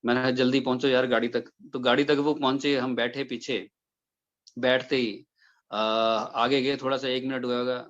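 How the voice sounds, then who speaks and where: A man's voice: mid-range voice, normal speed, muffled recording. A man, telling a devotional story at a satsang and acting out the dialogue as he goes. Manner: lively retelling full of quoted dialogue. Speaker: devotee sharing an experience.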